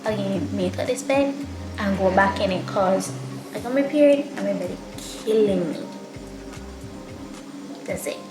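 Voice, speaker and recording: Slow, weary Barbadian woman vlogging. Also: medium pitch, music in the background. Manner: weary, downcast and frustrated, with sighs. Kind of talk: personal video diary. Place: quarantine room, indoors. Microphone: self-filmed camera up close.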